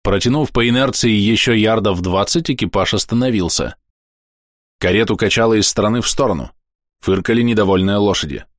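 A man reading a fantasy novel aloud as an audiobook narrator, measured and expressive, slowing down for dramatic moments. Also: on the low side, no room sound, clean studio sound. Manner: measured, expressive storytelling with slowed dramatic pauses.

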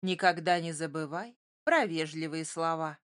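A woman's voice: low-pitched, moderate pace, no room sound, clean studio sound, pitched below the performer's own voice. Storybook apple tree, firm and teacherly, kind underneath, voiced by a woman. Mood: stern, kindly. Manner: firm, instructive, slightly louder. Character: female apple tree, stern but kind and wise.

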